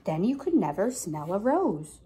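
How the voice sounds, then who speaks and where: A young woman reads a picture book aloud slowly, her pitch swinging lively as she stresses key words in deliberate, emphatic storybook phrasing. Like a teacher, she pauses to prompt a small child with simple questions, in an indoor room at home.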